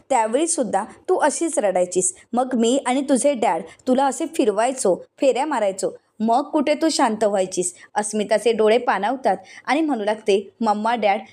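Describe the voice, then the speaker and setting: A woman's voice: on the high side, darkish tone. A woman with a Marathi accent narrating a TV serial recap, reading every character's lines in her own voice.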